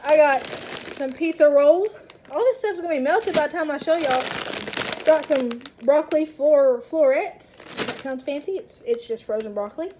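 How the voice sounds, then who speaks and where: A young woman chatting excitedly as she unpacks groceries at home, with self-mocking asides and bursts of delight. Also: high voice, moderate pace, noisy background. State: out of breath. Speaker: stay-at-home mom vlogger. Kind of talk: casual grocery haul chat. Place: home kitchen. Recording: rustling bags and clicks behind.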